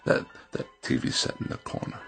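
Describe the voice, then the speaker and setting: A man's voice: fairly quick, a bit bright, soft background music, natural voice. A man acting in a radio drama as a haughty, fussy gourmet writer, wordy and emphatic, lonely and fearful underneath. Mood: anxious, weary.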